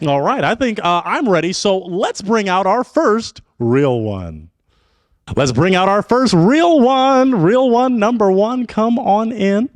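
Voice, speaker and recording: A man hosting a dating game show, talking in animated emcee patter. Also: high-pitched, takes it slowly, dry recording.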